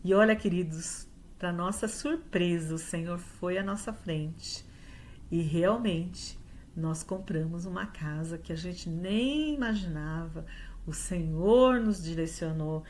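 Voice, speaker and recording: A woman's voice: on the low side, slow pace, a little mellow, a little hiss or hum. A woman with a Brazilian Portuguese accent gives a heartfelt sermon testimony at a church service, telling her story with acted-out dialogue. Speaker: church speaker giving a testimony.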